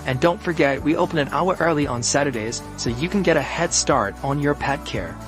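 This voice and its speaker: A man reads a radio ad in a fairly high, upbeat voice. His delivery is smooth and scripted, with clear music playing behind him. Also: brisk. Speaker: ad announcer.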